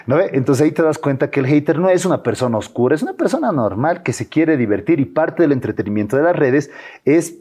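A man's voice: fairly high pitch, quick pace, husky. A young man chatting casually as a talk show guest, slangy and playful, acting out little quoted lines. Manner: animated, slangy, acts out quotes. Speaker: guest content creator. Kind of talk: casual chat.

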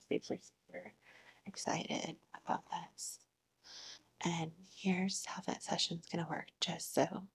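A woman in a whispered role-play as a therapist, speaking in a breathy whisper with a soothing, encouraging manner. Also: fairly low pitch, low-quality recording. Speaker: ASMR performer playing a therapist. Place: living room at home, seated on a couch.

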